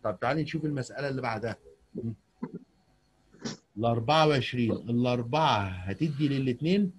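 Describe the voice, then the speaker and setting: Over a video call, a man with an Egyptian accent tutors a young girl in math, coaxing her along with patient questions. His voice is mid-range, expressive, fast and husky.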